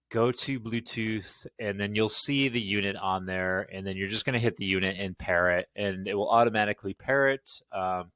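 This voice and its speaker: Here a man with a medium-pitched, fairly bright voice, recorded with no echo, rambles casually through a product demo he hosts on video. Tired, he talks to himself as he works and jokes goofily about himself.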